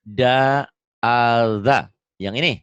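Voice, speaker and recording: A man's voice: medium pitch, takes it slowly, a bit bright, clear, resonant tone, no room sound, highs cut off. Male Quran tutor, patient and jokey, dry close-miked sound. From Indonesia. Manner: patient, joking, tells anecdotes. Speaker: Quran reading teacher. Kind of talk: one-on-one online lesson.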